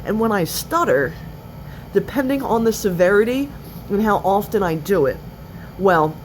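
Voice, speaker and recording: A woman of twenty-eight talking confessionally in halting, broken-up phrases, with an occasional stutter. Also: mid-range voice. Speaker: person sharing experience of stuttering in a video. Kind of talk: personal confessional talk. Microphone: cell phone. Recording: noisy cell phone recording.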